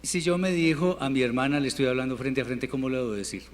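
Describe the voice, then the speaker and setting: A man teaching a Hebrew class in Spanish, patiently repeating words slowly for his students. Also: medium pitch. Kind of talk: classroom language lesson. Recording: reverberant hall, faint room noise.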